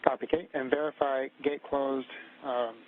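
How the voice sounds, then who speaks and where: A man relays procedural instructions as a mission communicator in a measured, methodical way. His voice comes over a narrow radio link with faint static. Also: mid-range voice, little pitch movement. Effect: radio transmission.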